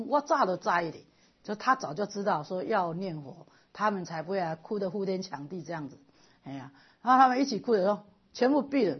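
A middle-aged woman giving a lively, animated storytelling lecture as a Buddhist lay teacher. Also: mid-range voice, slightly rough, lo-fi sound.

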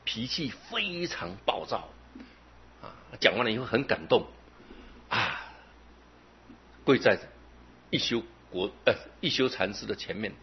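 A man gives a Buddhist sermon, telling a story with frequent filler particles in a husky voice. His pitch moves lively up and down, and the recording sounds dull and lo-fi. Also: unhurried, long pauses. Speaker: Buddhist teacher.

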